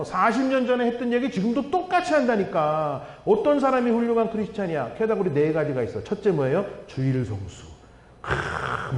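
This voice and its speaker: Animated man preaching in an echoey hall. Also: high voice. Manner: animated storytelling with quoted dialogue and rhetorical questions. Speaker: guest pastor. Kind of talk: revival sermon. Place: church sanctuary.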